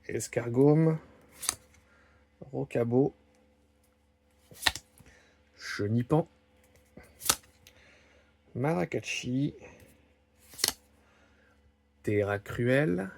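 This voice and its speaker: A man's voice: mid-range voice, vocal fry, noisy background. A man opening trading card packs and chatting casually, reading out each card name as he goes. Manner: slow, musing, lists card names one by one. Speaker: card-opening video host. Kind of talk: casual unboxing commentary. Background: crinkling card wrappers.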